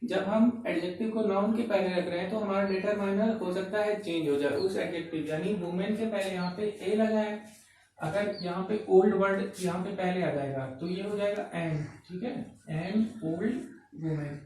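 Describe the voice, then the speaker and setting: A male grammar teacher with a high, darkish voice runs a classroom-style lesson, dictating example sentences slowly, word by word. He is repetitive and says "ठीक है" constantly, while the recording comes from a distant mic in a very echoey room with faint noise.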